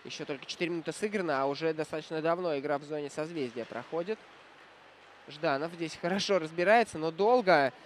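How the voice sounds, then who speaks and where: A man commentating live on ice hockey, reflective and analytical, often pausing mid-sentence to find his words. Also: fairly high pitch, a little hiss or hum.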